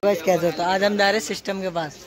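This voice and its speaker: Speaking quickly in a high voice with a steady tone, a young man chats through a phone-recorded vlog as he travels city roads to a stadium. He addresses his audience as "brother" again and again, and the outdoor sound is very noisy.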